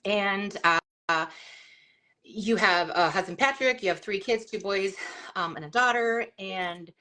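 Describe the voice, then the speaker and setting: A middle-aged woman hosts a live video chat in a loose, rambling way, stacking fillers and restarting her sentences. Her voice is bright and forceful, pitched at an ordinary height for a woman, and she talks over a video call. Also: a little slow, slight background noise. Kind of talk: casual live-stream chat.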